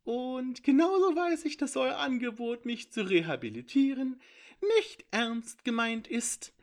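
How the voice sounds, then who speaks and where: A shrill, manic villain. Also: male voice, expressive, measured pace, full character voice. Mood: gloating. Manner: shrill, cackling, taunting.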